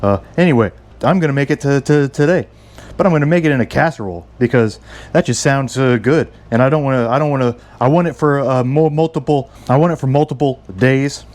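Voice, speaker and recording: A man's voice: mid-range voice, brisk, a little mellow. A man talking casually through a home recipe, stammering and repeating words as he goes, rambling and self-deprecating. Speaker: home cook. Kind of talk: casual cooking vlog.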